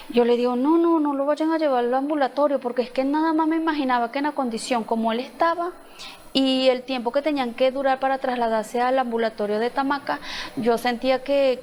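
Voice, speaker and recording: A woman's voice: fairly high pitch, darkish tone. A woman giving a personal testimony in church, telling an emotional story and acting out the voices of the people in it. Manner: emotional storytelling, quoting dialogue. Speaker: testimony speaker.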